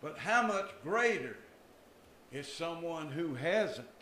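A man's voice: on the high side, animated, takes it slowly, a bit bright, slight background noise. An older man preaching a sermon from a church pulpit, with emphatic rises and drops in his voice. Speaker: pastor. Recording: echoey church room.

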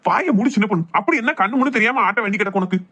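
A woman with a Kanyakumari Tamil accent playing a sleepy young husband who hesitates and tries to smooth things over in a comedy skit. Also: mid-range voice, lively intonation, very fast, a bit bright. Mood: placating. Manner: hesitant, placating.

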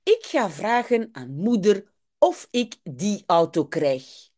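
A woman's voice: big pitch swings, takes it slowly. A woman voicing an eager, curious little boy in a storybook reading. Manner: high, bright childish delivery.

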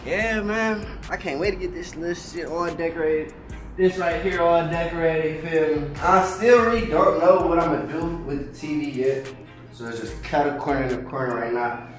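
A man in his twenties with an American accent gives a casual, slangy vlog tour of a small empty apartment, chatting to viewers and often repeating phrases for emphasis. His voice is on the high side at a normal speed. A handheld camera a few steps away picks him up off-mic in an echoey empty room, with music behind.

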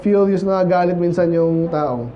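A man's voice: high voice, a little slow, lo-fi sound, a little hiss or hum. A man preaching a casual, conversational sermon as pastor, often asking the congregation "right?" and "amen?". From Philippines. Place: church.

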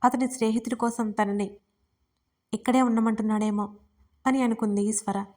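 A woman narrating her own romance serial as a storyteller, in a steady, expressive reading. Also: fairly high pitch, moderate pace. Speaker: storyteller and writer. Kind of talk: scripted romance audiobook narration.

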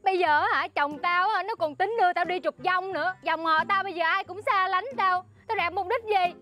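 A naive, complaining wife with a Southern Vietnamese accent. She talks fast in a high, whiny voice. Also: sharp tone, soft background music. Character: naive, complaining married woman.

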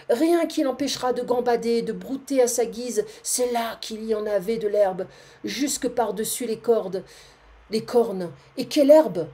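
Female narrator for a storybook reading, expressive, mellow, warm tone, some self-corrections. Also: medium pitch. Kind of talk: reading a classic tale aloud.

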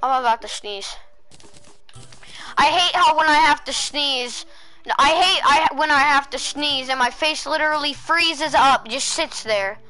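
A high, bright young woman streams a game from a dark room at home, faint music behind her. She bosses and teases her friend in casual chat, exasperated and quick to scold. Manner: bossy, teasing and exasperated, with frequent "dude" and "literally". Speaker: gaming streamer.

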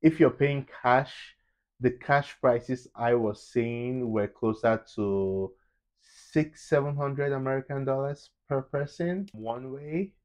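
A man's voice: mid-range voice, slow. A young man co-hosting a travel vlog, chatting casually and opinionated, recorded in a hotel room on a lapel mic. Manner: animated, opinionated, laughs easily. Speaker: travel vlogger co-host. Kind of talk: casual review chat.

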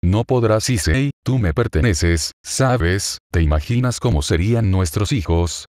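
A possessive female angel pleads and insists with obsession, as a man reads her with little change to his own deep voice. The recording is dry and close. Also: animated, a little slow, darkish tone, no echo. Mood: obsessive. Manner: clingy and obsessive.

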